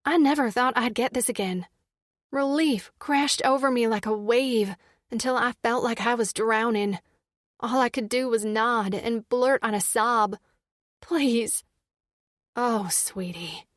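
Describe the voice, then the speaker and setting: A woman narrating a first-person audiobook in a steady, measured storytelling voice. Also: fairly high pitch, dry recording, studio quality.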